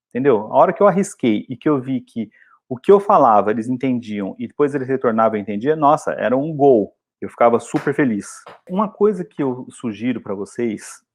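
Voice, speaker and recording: A man's voice: mid-range voice, a little mellow. A Brazilian man, an English teacher, giving a chatty and encouraging video lesson.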